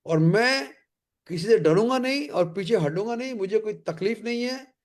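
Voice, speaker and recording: A male leadership trainer speaks in a fairly high voice, pressing each point with emphasis and repetition. He slows right down to lean on short English catchphrases. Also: animated. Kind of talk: motivational training talk.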